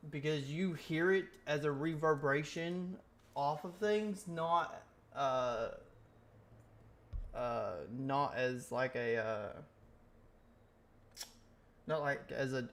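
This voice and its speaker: A young man streams a game and chats casually, rambling in half-finished thoughts that he keeps correcting. His voice is mid-range, and he takes it slowly with frequent pauses.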